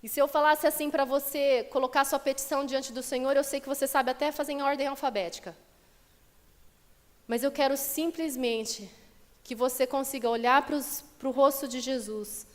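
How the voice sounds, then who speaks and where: Preaching at a moderate pace, this high-voiced woman pastor keeps her sermon lively and conversational, acting out quotes. The church sanctuary adds a long hall reverb.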